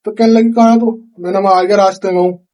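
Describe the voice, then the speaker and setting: Young Indian man, high voice, chatty storyteller vlogging from his kitchen at night. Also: quick pace. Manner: chatty, animated retelling with quoted dialogue. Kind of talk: casual storytelling vlog.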